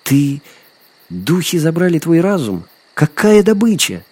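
A man's voice: a little high, very animated, unhurried, darkish tone, slightly rough, pitched above the performer's own voice, full character voice. A man voicing an astonished, indignant young woman in a storybook reading. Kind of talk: audiobook character acting.

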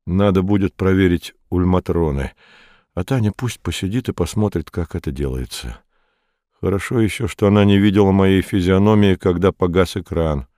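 A man's voice: low-pitched, normal speed, warm tone, no room sound, studio quality, lightly acted. A man voicing a strong young man full of self-doubt, speaking plainly and half to himself in an audiobook. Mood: bitter.

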